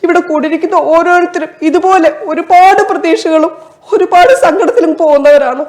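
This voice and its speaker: A woman's voice: a little high, lively intonation, moderate pace, warm tone, close to an everyday voice. A woman performing a one-person stage monologue as a desperate stranded traveler at an airport, pleading in a tearful, breaking voice. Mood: frantic, tearful.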